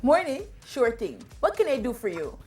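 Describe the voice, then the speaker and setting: High-voiced woman giving an upbeat sales pitch. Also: big pitch swings, normal speed, darkish tone, a little hiss or hum. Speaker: phone store clerk in an ad. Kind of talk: scripted ad dialogue.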